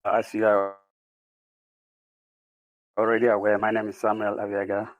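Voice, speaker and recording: A man from Ghana, a podcast guest giving a steady, plainly told account of his life. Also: on the low side, moderate pace, dry recording, phone-quality sound. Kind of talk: conversational self-introduction.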